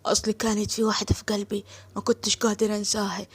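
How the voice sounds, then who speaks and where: A woman voicing a wealthy Egyptian gentleman, earnest and heartfelt, in her own natural voice with an Egyptian accent. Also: high-pitched, monotone, racing, breathy edge. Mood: tender.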